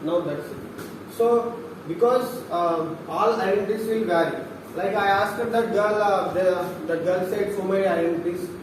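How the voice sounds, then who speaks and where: A young Telugu-speaking man with an Indian English accent, a philosophy student, presents at a seminar in a halting way full of restarts and fillers. His voice sits high for a man. He's captured from far away in a very echoey, noisy room.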